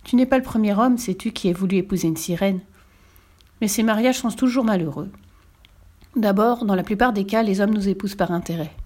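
A woman voicing a wise, gentle immortal mermaid in a read-aloud storybook. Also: medium pitch, fairly quick, natural voice. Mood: knowing. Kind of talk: storybook reading.

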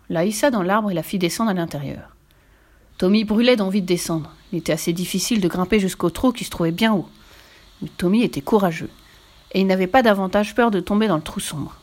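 A woman reading a children's story aloud with gentle, expressive narration. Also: medium pitch.

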